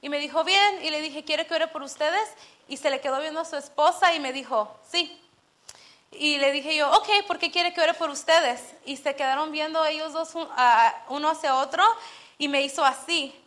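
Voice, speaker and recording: A woman with a bright, high voice shares a personal testimony during a church service. She tells the story earnestly and with feeling, acting out the dialogue as she goes. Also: normal speed. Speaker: church member giving testimony.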